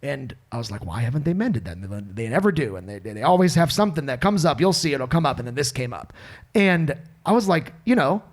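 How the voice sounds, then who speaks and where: A man's voice: fairly high pitch, fast. A man hosting a live podcast taping, talking casually and jokily, swearing and laughing as he goes. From Florida. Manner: jokey, animated, swears and laughs often. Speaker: podcast host. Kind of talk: casual live-show banter.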